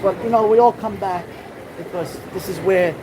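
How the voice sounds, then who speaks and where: This middle-aged man from New York City has a high voice, a New York accent and a moderate pace as he hosts a loose walking-tour stream on a handheld phone. It's raining on the festival street, and street noise surrounds the mic while he rambles and calls out viewers by name.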